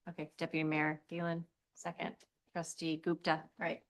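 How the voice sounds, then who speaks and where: A woman's voice: sits low, completely flat delivery, normal speed. A woman chairing a village board meeting as mayor, informal and joking, with many fillers as she reads out agenda items. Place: municipal meeting room.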